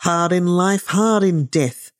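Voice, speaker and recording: A woman's voice: on the low side, slow. A woman reading the part of an outspoken, blunt old man in an audiobook, with a declamatory delivery. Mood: indignant. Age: older.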